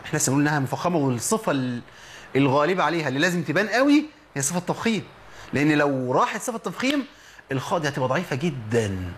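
A man with an Egyptian accent teaching Quran recitation on a program, explaining patiently and drawing out example words slowly. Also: medium pitch, a little hiss or hum. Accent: Egyptian Arabic. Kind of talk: tajweed lesson on a program.

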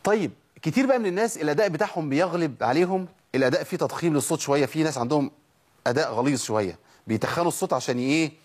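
A man's voice: fairly high pitch, expressive, rapid-fire, darkish tone. A man with an Egyptian Arabic accent teaching Quran recitation, demonstrating each sound and asking and answering his own questions. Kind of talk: tajweed lesson.

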